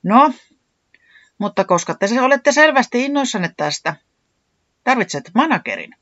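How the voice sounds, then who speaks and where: A storyteller voicing a calm, well-travelled creature who manages the band and soothes its friends. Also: medium pitch, dry recording, dull audio, pitched above the performer's own voice. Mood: reasonable.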